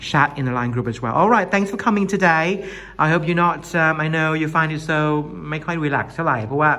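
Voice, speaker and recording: A man's voice: fairly high pitch, slow pace, sharp tone. A man teaching English with a Thai accent, encouraging his students and switching between English and Thai in a casual classroom manner.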